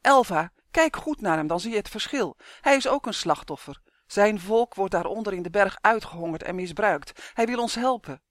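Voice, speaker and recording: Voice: mid-range voice, fairly quick, dry recording, studio quality, lightly acted. A reader voicing a stubborn, earnest young boy who insists with pleading emphasis, in an audiobook. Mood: insistent. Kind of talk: audiobook character voice.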